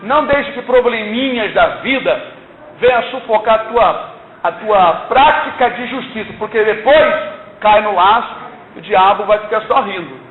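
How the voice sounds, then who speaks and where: Here an older man with a voice that sits high speaks at a measured pace, giving a sermon-like testimony in church with earnest exhortation and a habit of asking "não é?". Faint hiss runs through the tinny recording, and the room echoes.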